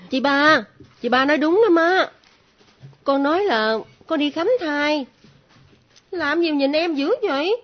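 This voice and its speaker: A woman playing a coy young daughter, high-voiced. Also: takes it slowly, long pauses. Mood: teasing. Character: playful young daughter with a secret. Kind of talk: comic stage play acting. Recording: muffled lo-fi recording.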